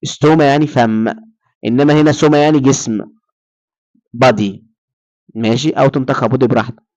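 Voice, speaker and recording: A man's voice: mid-range voice, steady tone, fast, a little mellow, muffled recording. A man with an Egyptian Arabic accent giving a recorded lecture, who asks his students questions and then answers them himself.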